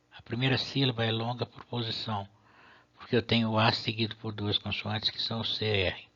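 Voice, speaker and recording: A man's voice: on the low side, a bit bright. A man, teaching a language lesson patiently and methodically, sometimes stopping to restart a phrase. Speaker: Latin teacher. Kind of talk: explanatory video lesson. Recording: dull lo-fi recording.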